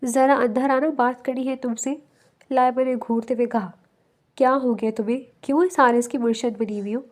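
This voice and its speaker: Proud, sharp-tongued heartbroken young woman, read by a woman in a romance audiobook. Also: on the high side, fairly even intonation, natural voice. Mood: hurt.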